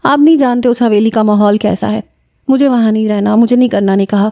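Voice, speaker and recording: A woman's voice: no echo, dull audio, lightly acted. A woman playing a frightened young student. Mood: tearful pleading. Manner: pleading, breathless, higher voice.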